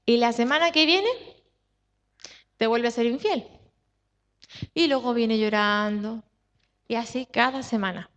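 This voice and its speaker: A woman's voice: a little high, measured pace, pauses often, a bit bright. Woman pastor preaching in a reverberant church. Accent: Spanish from Spain. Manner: emphatic, repetitive, rhetorical questions to the congregation. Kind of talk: sermon. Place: church hall. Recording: dull sound with long hall reverb.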